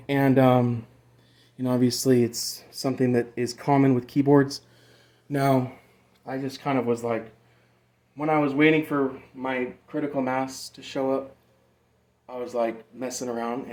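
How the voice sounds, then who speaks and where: This man, an amateur demonstrating music gear, has a mid-range voice with a darkish tone. His hands-on tutorial is casual and rambling, with loose explanations along the way and some swearing.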